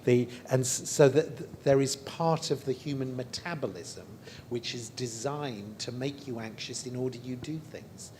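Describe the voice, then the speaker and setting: Slow, thoughtful male panel speaker; restarts as he thinks, faint low rumble. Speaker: panelist, educationalist. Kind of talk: panel discussion answer.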